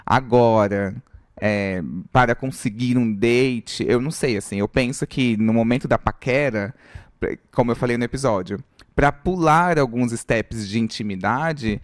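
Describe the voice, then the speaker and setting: A man's voice: mid-range voice, normal speed, no echo. A Brazilian man talking loosely on a podcast, joking around in a casual way. The sound is dry and close, with no room around his voice. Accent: Brazilian Portuguese. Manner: loose and joking, with frequent fillers.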